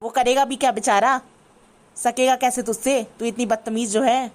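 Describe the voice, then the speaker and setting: A woman's voice: fairly high pitch, fairly even intonation, moderate pace, close to an everyday voice. A woman voicing a bossy, scolding older mother-in-law in a cartoon. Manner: scolding, complaining. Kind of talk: cartoon voice acting.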